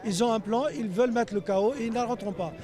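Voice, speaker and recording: A man speaking as a protester at an outdoor rally, hesitant and full of pauses, yet insistent. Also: high voice, fairly even intonation, music in the background. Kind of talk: street interview statement. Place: outdoors on a city street.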